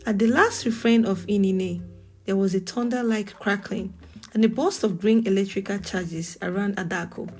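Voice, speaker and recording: A woman from Nigeria with a Nigerian accent, telling a folktale as a storyteller in measured, dramatic narration. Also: mid-range voice, fairly even intonation. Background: faint music.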